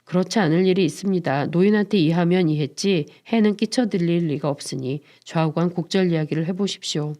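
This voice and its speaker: A woman's voice: on the low side, brisk, few pauses, warm tone, lightly acted. A woman voicing a humble but commanding male scholar who speaks politely, in a dramatized book reading. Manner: polite, composed.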